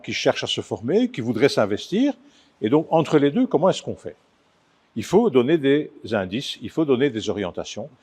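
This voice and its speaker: A man speaks as a guest in a television studio, earnest and methodical, with his voice rising in force as he lists his points. His pitch sits in an ordinary middle range. He is from the Democratic Republic of the Congo. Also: a little mellow, husky. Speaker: author and film producer, guest. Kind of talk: studio interview.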